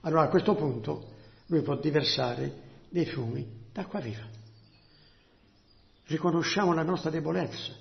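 A man's voice: fairly high pitch, normal speed, creaky, long pauses. A man preaching a sermon, often crying alleluia and putting questions to the congregation. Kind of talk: Pentecostal-style sermon. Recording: dull lo-fi church recording.

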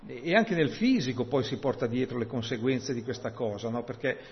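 A man's voice: medium pitch, brisk. A man giving an informal, conversational sermon, often checking in with "no?" and reading scripture aloud. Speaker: preacher. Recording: dull sound with long hall reverb.

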